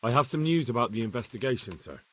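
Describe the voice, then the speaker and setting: In a video game cutscene, a man plays an earnest, deferential retainer who reports plainly and respectfully to his superior. He is animated and talks fast in a mid-range, fairly bright voice.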